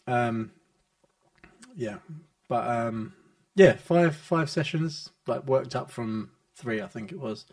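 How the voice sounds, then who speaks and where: A man's voice: medium pitch, slow pace, darkish tone. A British man chatting casually on a podcast in a hesitant, loosely rambling way. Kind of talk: casual chat.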